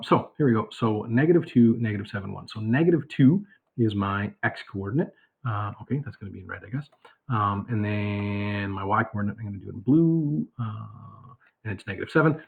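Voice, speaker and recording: Recording a laid-back lesson from his house, a male high school math teacher wanders into asides and fills gaps constantly. The tinny, phone-like audio carries his fairly low, breathy voice.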